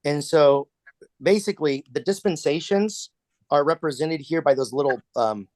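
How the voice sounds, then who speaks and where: A man's voice: on the high side, normal speed, a little mellow, no echo. A man leading a casual church class discussion over a video call, talking conversationally with frequent restarts.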